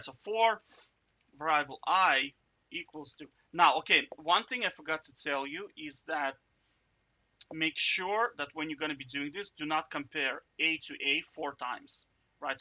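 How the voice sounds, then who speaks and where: This man's voice is fairly high with a sharp tone. As a coding tutor, he keeps the walkthrough casual and talkative, thinking out loud, breaking off mid-thought, adding jokes on the side, and repeatedly checking in with a "right?"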